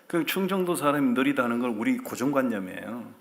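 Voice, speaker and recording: A man's voice: medium pitch, very animated, brisk. A man, a pastor, giving a sermon in a church, telling jokes and asking his congregation questions. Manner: humorous, asks the congregation questions.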